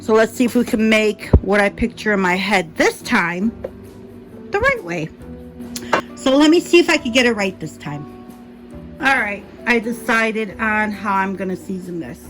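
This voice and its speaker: A woman's voice: mid-range voice, normal speed, music in the background, low-quality recording. A woman with a mild speech impediment, chatting casually as she narrates her cooking in a home kitchen, thinking aloud and correcting herself as she goes. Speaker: cooking vlogger.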